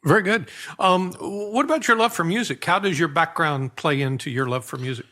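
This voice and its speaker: An older man from the American Midwest, a pastor hosting a podcast interview in a studio and speaking in a measured, formal, earnest way. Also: fairly high pitch, sharp tone.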